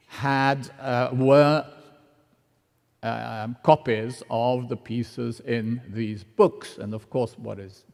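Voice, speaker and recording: Older male art historian, slow deliberate lecturing with wry asides, mid-pitched voice, long lecture-hall reverb. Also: darkish tone. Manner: unhurried, anecdotal, with wry asides. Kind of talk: public lecture.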